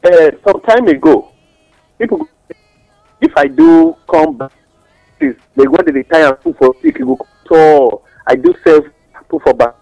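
A man's voice: high-pitched, wildly swooping pitch, a little slow, vocal fry, pauses often, mellow, dry recording, soft background music, poor audio. A man with a Nigerian accent explaining things in West African Pidgin English, teaching through examples and rhetorical questions as a radio guest giving advice.

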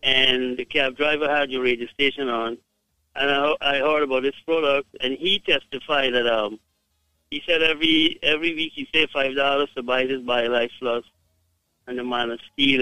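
A man's voice: mid-range voice, sharp tone, no room sound, low-quality recording. A man from Guyana calling a radio show, speaking politely and hesitantly, with many fillers. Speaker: caller. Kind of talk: phone-in testimonial.

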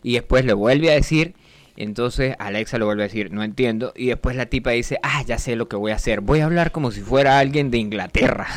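A man's voice: medium pitch, brisk. A man hosting a comedic radio show, telling anecdotes and acting out voices. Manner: joking, acts out voices in anecdotes.

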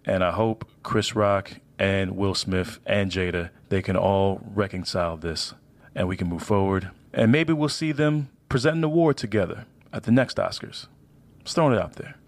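A man delivering scripted opinion commentary with emphatic, measured phrasing. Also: low-pitched.

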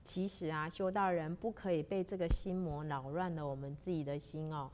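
Woman storyteller, chatty and easygoing, lots of drawn-out little particles. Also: low-pitched, steady tone, darkish tone. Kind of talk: spoken storytelling of a religious legend.

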